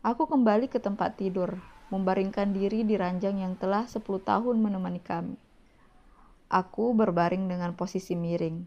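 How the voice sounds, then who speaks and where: A woman's voice: mid-range voice, fairly even intonation, moderate pace. A woman narrating a romance novel in the first person, with emotional, tense storytelling. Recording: dull lo-fi audio.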